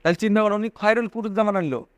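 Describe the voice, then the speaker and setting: High-voiced preacher man, dry close sound. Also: rapid-fire, no echo. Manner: repeats phrases for emphasis, asks listeners questions. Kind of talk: religious sermon to students.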